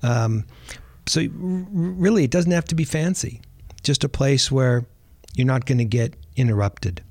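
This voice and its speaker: A man hosting a podcast, talking in a relaxed, chatty way and often repeating words as he thinks. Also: medium pitch, a little slow, dry recording. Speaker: podcast host. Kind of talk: casual podcast talk.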